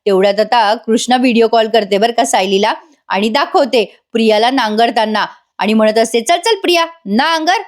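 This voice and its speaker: A woman's voice: on the high side, fairly even intonation, fairly quick. A woman narrating a voice-over recap of a TV serial, chatting directly with viewers. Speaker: TV serial reviewer.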